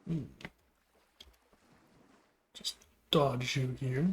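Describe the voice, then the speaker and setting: A man giving relaxed, musing commentary while playing a video game, now and then talking to things on screen. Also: mid-range voice, extremely slow, slight background noise. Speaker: gameplay video host. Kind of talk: casual gameplay commentary.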